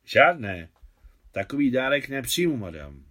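A man's voice: mid-range voice, sing-song, fairly bright tone. A man reading the lines of a proud, tense young woman in a novel, polite and pleading.

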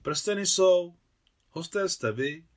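An eager young groom talks in a lively, upbeat way, voiced by a male reader. His lines run noticeably higher than the narration.

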